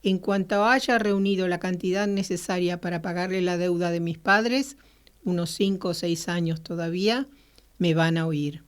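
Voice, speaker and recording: Weary, anxious young salesman musing to himself, read by a woman host; lowish, plain storybook reading. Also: steady tone, moderate pace, smooth, close to an everyday voice. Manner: musing inner monologue, read aloud.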